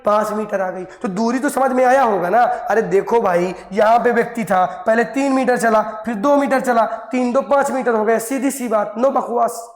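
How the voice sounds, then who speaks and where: A man's voice: very high voice, moderate pace, hardly any pauses, faint music behind. A male teacher giving a lesson, coaxing his students and answering his own questions. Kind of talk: classroom lesson. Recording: echoey, reverberant room.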